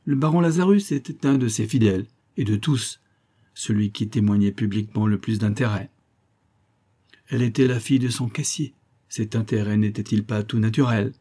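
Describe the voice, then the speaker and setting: A man narrating a classic novel in a measured, even storytelling manner. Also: lowish voice. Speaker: audiobook narrator.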